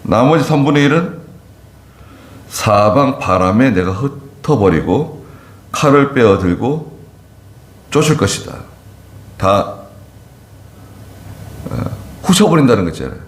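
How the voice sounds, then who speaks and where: A male pastor giving an expository sermon, reading scripture and then explaining it slowly, asking the congregation questions. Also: medium pitch, big pitch swings. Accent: Gyeongsang-Chungcheong border dialect roots. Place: church sanctuary. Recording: roomy church echo.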